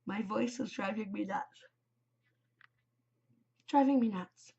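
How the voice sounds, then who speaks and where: A woman who hosts a knitting podcast rambles chattily in a casual solo chat, full of ums, her voice congested and worn out by a cold. She speaks slowly at medium pitch, gravelly and slightly rough with a warm tone, on a dull home recording.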